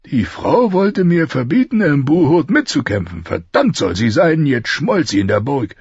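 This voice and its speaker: A male audiobook narrator voicing a loud, quick-tempered, boisterous king who curses and blusters. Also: very animated, husky, no room sound, dull audio, exaggerated voice. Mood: indignant. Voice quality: loud and booming. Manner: blustering, cursing, swings between roaring laughter and rage. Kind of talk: audiobook reading.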